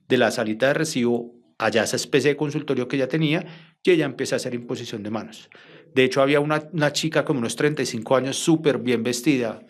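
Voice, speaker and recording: A Colombian man, a journalist, recounts a strange episode to his interviewer at a mid pitch. He tells it in a lively way, acting out each quoted line of the conversation as he goes. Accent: Colombian Spanish. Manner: animated, acts out quoted dialogue. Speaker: journalist guest. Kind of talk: storytelling interview.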